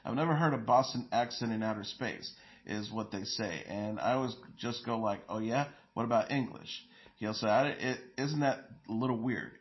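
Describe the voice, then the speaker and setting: A man's voice: mid-range voice, lo-fi sound. A man hosting an entertainment news show, reading stories and quotes in a plain delivery with small slips and fillers.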